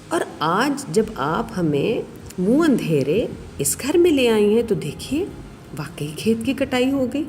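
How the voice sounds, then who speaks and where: A woman's voice: medium pitch, mellow, close to an everyday voice. A woman voicing young bird chicks who anxiously plead with their mother. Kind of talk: storybook character voice.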